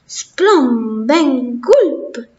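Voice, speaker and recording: A tiny comic-strip mouse, as a woman reads him out, squeaking and whispering his strange cartoon noises in a high, piping voice. The sound is echoey and a little dull, like a home room. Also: big pitch swings, drawn-out words, darkish tone, heavily acted. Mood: squeaky. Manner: squeaky exclamations, some whispered.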